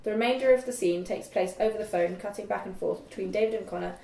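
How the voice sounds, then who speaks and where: A young adult woman reads screenplay stage directions aloud as scripted narration during a group read-through in an indoor room. Her mid-range voice is fast, gravelly, and warm, picked up by a distant mic in an echoey space with faint noise.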